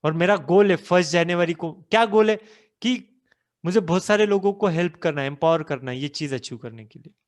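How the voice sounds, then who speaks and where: A man in his thirties from India, working as a business coach, gives a motivational talk in a brisk, somewhat high voice. He poses rhetorical questions to his listeners.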